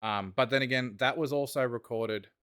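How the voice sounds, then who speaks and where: A man's voice: mid-range voice, normal speed, a bit bright, smooth. A man chats on a casual podcast in a mid-range voice, rambling with enthusiasm. He trails off and restarts his thoughts as he goes. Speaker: podcast co-host.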